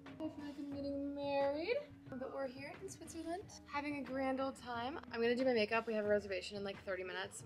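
Upbeat young woman vlogging. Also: fairly high pitch. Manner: chatty, upbeat, gushing. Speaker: travel vlogger. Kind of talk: casual travel vlog. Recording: vlog with music playing underneath.

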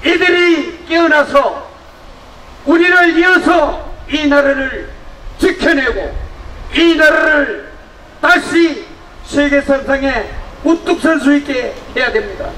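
A man giving a fiery political speech to an outdoor rally, calling out rhetorical questions to the crowd and rising to shouts. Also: very high voice, slow pace. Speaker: rally speaker. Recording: echoey, distant outdoor PA recording with noise.

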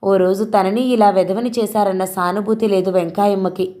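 A woman reads a story aloud with a steady, expressive delivery. Her voice sits at an ordinary middle pitch for a woman. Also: moderate pace. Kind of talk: scripted audio story narration.

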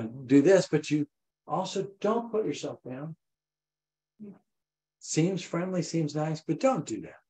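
An older man preaching a sermon as pastor, animated and repetitive, acting out voices. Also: poor audio. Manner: animated, repeats phrases, acts out voices with rising pitch. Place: church.

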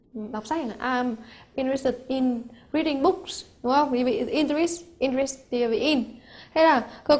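High-voiced Hanoi woman teaching English grammar. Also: a little mellow. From Vietnam. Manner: explains step by step, asks rhetorical checks. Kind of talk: exam-prep grammar lesson.

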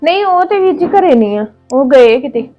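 A woman with a Punjabi accent playing a resentful sister-in-law in a family drama, curt and sharp with her visitor. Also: sits high, expressive, brisk, highs cut off, faint music behind.

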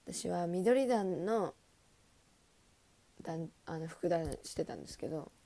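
A young woman in her twenties hosting a casual livestream, chatting with viewers, laughing often and breaking into loud excited bursts. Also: fairly low pitch, slow. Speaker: idol livestream host. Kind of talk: casual livestream chat reading comments.

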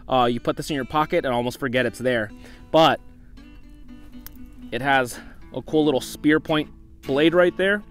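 A young man hosting an outdoor vlog in the desert, talking casually about gear and often saying "once again" and "you know". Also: medium pitch. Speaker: outdoor channel host.

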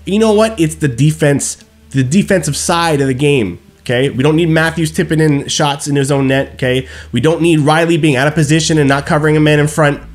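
A man's voice: a little high, brisk. A man in his thirties on a headset at home, ranting emphatically about a hockey game after it ends and checking in with his viewers with "okay?" and "right?". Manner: animated, emphatic, keeps asking "okay?" and "right?". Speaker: hockey fan streamer. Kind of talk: post-game hockey rant. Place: small room at home, seated in gaming chair.

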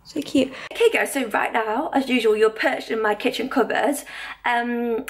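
A woman in her 20s chats casually to camera as a vlogger, gushing with enthusiasm from her small flat's bedroom and kitchen indoors. Her voice is mid-range with noticeable vocal fry.

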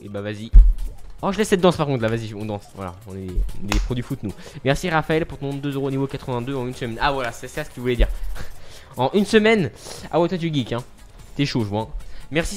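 Chatty young man streaming a game. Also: medium pitch. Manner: chatty, self-mocking, thanks viewers constantly. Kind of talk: live game streaming chat.

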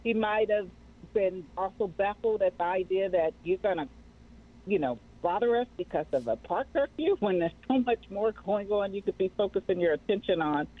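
Joining the interview over a remote call, this mental health nonprofit director, a middle-aged woman with an American accent, chats in an animated, mid-range voice at normal speed. The call audio sounds thin and tinny, radio-like.

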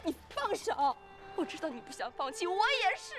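A woman's voice: mid-range voice, a little fast, music in the background, close to an everyday voice. An actress playing a torn young woman in a secret affair who speaks anxiously in a TV drama. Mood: distraught. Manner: anxious, pleading. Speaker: stepsister and lover. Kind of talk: TV drama acting.

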